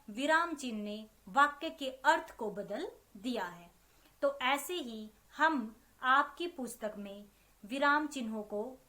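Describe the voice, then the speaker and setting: A woman's voice: sits high, pushed and bright. A woman teacher giving a recorded lesson, patiently explaining to children and repeating examples. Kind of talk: recorded online class lesson.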